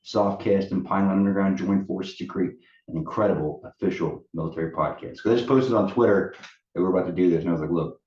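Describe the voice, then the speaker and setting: A man's voice: sits low, quick pace, darkish tone. A man co-hosting a podcast and introducing a guest, recorded with an echoey, distant sound from an audio fault. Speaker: podcast co-host. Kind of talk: casual podcast chat. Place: pub used as offsite studio. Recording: echoey, dull, distant mic.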